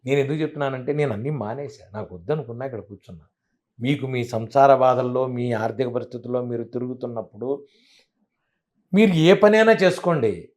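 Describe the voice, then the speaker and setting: A man giving a devotional talk as a spiritual teacher in an interview. He speaks at a middling pitch, emphatic and preachy, driving his points home with rhetorical questions. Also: fairly even intonation, quick pace, a little mellow.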